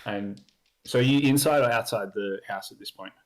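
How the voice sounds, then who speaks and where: A man's voice: on the low side, moderate pace. A young man narrating as dungeon master, hesitant with many ums and likes. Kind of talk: narrating a tabletop game.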